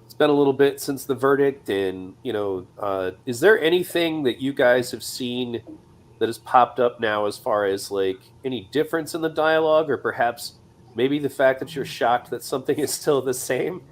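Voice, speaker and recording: A man who is a podcaster, moderating a panel with steady, lightly hesitant questions. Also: mid-range voice, normal speed. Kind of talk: casual panel chat.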